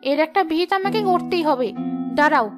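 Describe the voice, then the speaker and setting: A woman's voice: high voice, animated, a little fast. A woman voicing a jealous, scheming village woman who bullies others with sneering threats, over background music. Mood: spiteful scheming.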